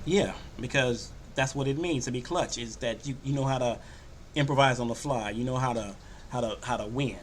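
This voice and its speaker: An older man hosting a sports podcast, talking casually and loosely, often slipping into animated quoted voices. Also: mid-range voice, moderate pace, a little hiss or hum. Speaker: podcast host. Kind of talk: casual sports talk monologue.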